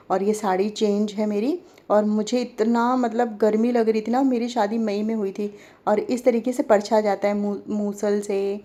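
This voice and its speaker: A woman's voice: medium pitch, mellow. A woman in her forties from Delhi, chatting casually over old home video footage and talking straight to her viewers. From Delhi, India. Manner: chatty, talks straight to viewers and asks them questions. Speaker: vlogger.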